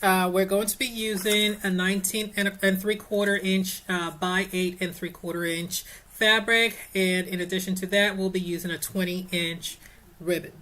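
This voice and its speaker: At home, a woman casually teaches an easy sewing project, chatty and rambling, with plenty of fillers and self-corrections. Her mid-range voice has a fairly bright tone, little pitch movement and a normal speed. There's slight background noise.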